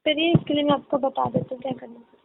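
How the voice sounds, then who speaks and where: A woman's voice: high voice, steady tone, quick pace, vocal fry, a little hiss or hum. Polite woman on a tinny phone line. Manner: polite, patient, scripted. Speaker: customer care agent. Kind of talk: phone support call.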